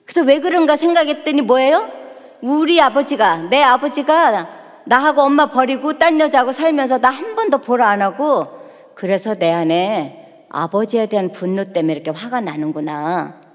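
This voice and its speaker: A woman giving a church seminar on relationship psychology, lively and acting out spouses' lines in quoted voices. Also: fairly high pitch. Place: church sanctuary. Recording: long hall reverb from a church.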